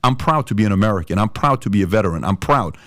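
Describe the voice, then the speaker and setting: A man's voice: fairly low pitch, animated, fast, fairly bright tone, no echo, studio quality. A man from Iran hosting a podcast, talking in an emphatic, repetitive way with many fillers. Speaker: podcast host. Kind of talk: opinionated podcast chat.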